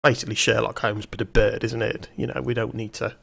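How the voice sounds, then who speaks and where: A man's voice: on the low side, little pitch movement, quick pace, gravelly, a bit bright, husky. A man streaming a game, reading the on-screen text aloud and adding wry, jokey asides in a casual let's-play style.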